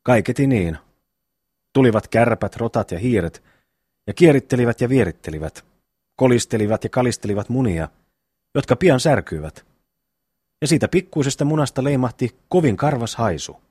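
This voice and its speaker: A man's voice: mid-range voice, expressive, dark tone, husky, no room sound, studio quality. A man voicing a brash, bossy eldest peasant brother in a classic audiobook reading. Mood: blustering. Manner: bossy, quick to scold.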